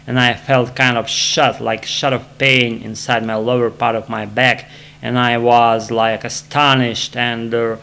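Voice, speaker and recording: A man with a Russian accent, a native Russian speaker, talking casually to camera from his armchair at home while in back pain, halting often with fillers and restarts. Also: mid-range voice, fairly bright tone, smooth. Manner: hesitant, many fillers and restarts. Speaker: vlogger practicing English. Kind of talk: casual self-recorded monologue.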